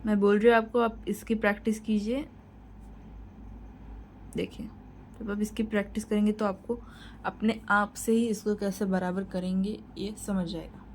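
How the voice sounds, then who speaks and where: A woman's voice: mid-range voice, flat delivery, moderate pace, pauses often, a little mellow, slight background noise, poor audio. A woman teaching a shorthand lesson, explaining each point patiently and repeating key points to reassure her students. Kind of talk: tutorial lesson.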